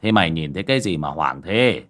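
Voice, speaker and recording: A man playing a gruff, scolding old villager. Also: extremely low pitch, animated, fast, fairly bright tone, voice pushed down. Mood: questioning. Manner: blunt, bossy, scolding.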